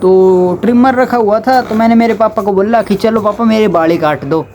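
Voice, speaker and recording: Young man, high voice. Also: moderate pace, a little mellow, slight background noise. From Haryana, India. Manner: chatty, slips into dialect when quoting others. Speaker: storyteller. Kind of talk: casual storytime.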